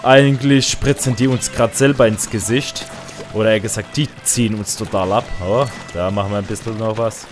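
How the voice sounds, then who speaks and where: A man with a fairly low voice narrates his own gameplay in a loose, casual way. He grumbles about his weapons, then jumps into loud, high outbursts at kills and deaths. Faint game music plays behind him. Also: fairly even intonation, brisk. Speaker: gaming let's player.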